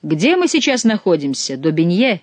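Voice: medium pitch, sing-song, normal speed, no echo. A reader voicing an amorous, gallant young king who talks tenderly and effusively to his beloved.

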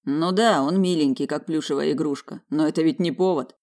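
A man's voice: fairly high pitch, a little fast, darkish tone. A man narrating a first-person audiobook in a wry, inward way, grumbling in the dialogue.

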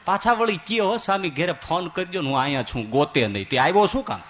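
A man giving a sermon as a swami, telling stories with voiced quotes and swinging from loud to soft. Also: a little high, lively intonation, fast, slight background noise. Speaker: swami preacher.

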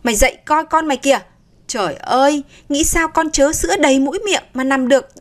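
A harsh mother-in-law in an audio storybook, put on by a woman narrator, scolding sharply and with contempt. The voice stays fairly high and carries a cutting edge. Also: brisk, lightly acted. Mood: scornful.

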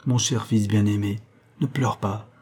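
A man reads a dying old man bidding a tender farewell in an audiobook. The voice is low, dark and husky, soft and gentle in manner. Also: steady tone, measured pace.

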